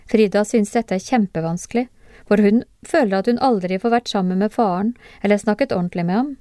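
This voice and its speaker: A woman narrating a lesson in a calm, measured way, her voice mellow and soft-edged. The sound is dry and close, with no room around it, and she keeps turning to ask the listener questions. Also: mid-range voice, no room sound. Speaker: narrator of classroom discussion cases. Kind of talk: scripted educational narration.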